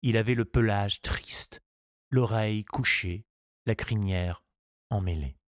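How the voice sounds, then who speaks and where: Calm, measured male storyteller. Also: lowish voice, no room sound, clean studio sound. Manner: calm, measured, gently expressive reading. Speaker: audiobook narrator. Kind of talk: scripted storybook narration.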